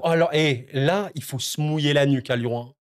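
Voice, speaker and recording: Man, somewhat high voice, football reaction vlogger; agitated, stammers, emotional asides to the viewers. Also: moderate pace. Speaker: football YouTuber. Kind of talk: excited football reaction vlog.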